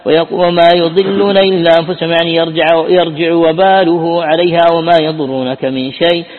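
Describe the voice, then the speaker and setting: A man reading classical Quran commentary aloud to a teacher, quick and with small restarts. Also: fairly high pitch, fairly even intonation. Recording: tinny, echoey hall sound.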